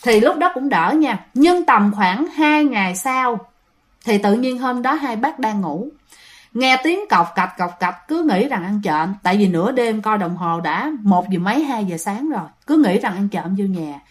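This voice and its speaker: A woman's voice: medium pitch, lively intonation, normal speed. A woman narrating a ghost story in a chatty way, talking to her listeners.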